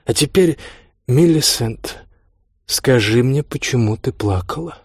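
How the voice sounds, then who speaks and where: A cruel, drunken gentleman who bellows and bullies, as a man puts him on. His voice comes rough and raised in a storybook reading. The sound is dry and close. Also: medium pitch, lively intonation, a little slow, dry recording. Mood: bullying, roaring. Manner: shouting, rough and threatening.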